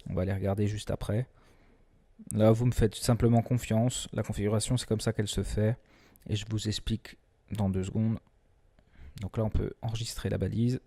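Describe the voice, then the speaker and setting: A man presenting a screen-recorded software tutorial in a relaxed, chatty way, often hesitating and restarting his sentences. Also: on the low side, moderate pace. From France. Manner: self-deprecating humor.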